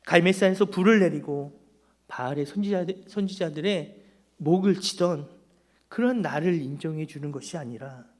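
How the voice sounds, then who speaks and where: A male pastor preaching an impassioned sermon at a Friday prayer meeting in church, often dropping to a hushed, near-whispered delivery. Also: a little high, normal speed.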